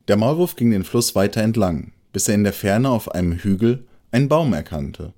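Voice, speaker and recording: A man reading a fable aloud as narrator in an expressive, melodic way. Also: on the low side. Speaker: storyteller. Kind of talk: scripted narration of a children's fable.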